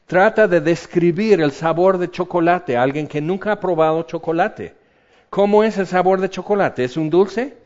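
A middle-aged man preaching a sermon, animated and humorous, swinging between loud and quiet. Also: high-pitched, normal speed. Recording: slightly dull lo-fi sound.

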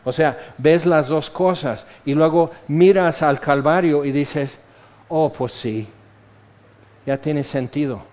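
A man preaching a sermon, slow and measured, repeating key phrases for weight. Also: a little high, darkish tone. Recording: dull lo-fi sound.

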